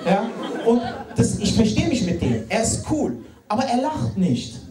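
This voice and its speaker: This stand-up comic, a man in his late twenties, has a very high, warm voice with big pitch swings and a slightly slow delivery. He addresses the crowd chattily, with many fillers and restarts, from a hall stage; the far-off mic picks up echo and laughter.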